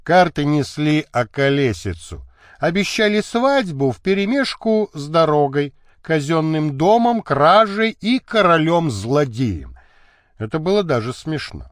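A man narrating a historical novel as an audiobook, measured and expressive. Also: on the high side, dry recording, studio quality.

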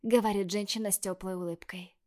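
Woman narrating an audiobook. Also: mid-range voice. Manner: measured, expressive reading. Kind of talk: first-person scripted narration.

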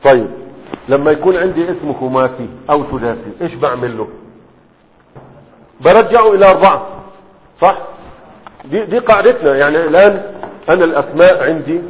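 Man lecturing, tinny with hall echo. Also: mid-range voice. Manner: constantly checks understanding with quick questions. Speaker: teacher of Arabic morphology. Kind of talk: classroom lecture. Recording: tinny phone-like sound with long hall echo.

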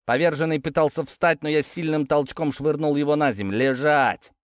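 A man's voice: fairly high pitch, brisk, no room sound, studio quality. A man narrating a first-person audiobook in a tense, dramatic way. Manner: tense, dramatic, lively delivery.

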